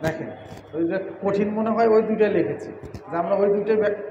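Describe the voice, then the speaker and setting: High-voiced man teaching Quran recitation. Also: quick pace, roomy sound, in a large hall, muffled recording, background noise. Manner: drills letter sounds, stretching syllables in a chanting recitation. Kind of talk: classroom recitation lesson. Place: mosque.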